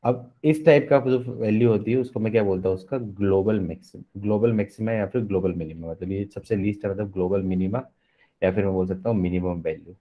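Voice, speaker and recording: A man's voice: fairly low pitch, fairly even intonation, fast talker, muffled recording. A man teaching a live online maths lecture in a Hindi-mix, explaining step by step and constantly asking the class questions.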